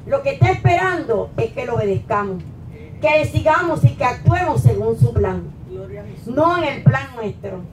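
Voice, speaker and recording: A middle-aged woman pastor preaching a sermon at a pulpit into a handheld mic, rising to emphatic peaks and then dropping low. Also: lively intonation, normal speed, a little hiss or hum. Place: small church hall, at a wooden pulpit. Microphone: handheld mic, filmed from a distant camera. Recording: echoey church hall from far off.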